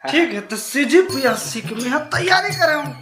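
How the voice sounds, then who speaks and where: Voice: high voice, animated, moderate pace. An actor playing a rambling town drunk with a Chhattisgarhi accent, repeating themselves and drifting off track in a comic mock interview. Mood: tipsy complaining. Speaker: podcast guest in a comedy sketch. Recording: echoey room, loud music over it.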